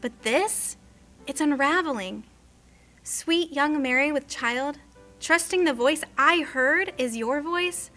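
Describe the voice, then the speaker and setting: A woman's voice: high-pitched, slow pace, sharp tone, heavily acted. Woman reading as Joseph, an anxious young husband. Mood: anxious prayer. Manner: earnest, prayerful inner monologue. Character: anxious, devoted young husband on a hard journey. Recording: faint music underneath.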